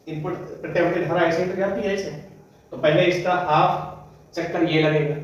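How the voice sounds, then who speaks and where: A male physics teacher explaining at the board step by step, asking and answering his own questions, slowing down to dictate exam answers. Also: fairly high pitch, a little mellow, a little hiss or hum. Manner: slows to dictate notes. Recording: echoey room from far off, dull sound.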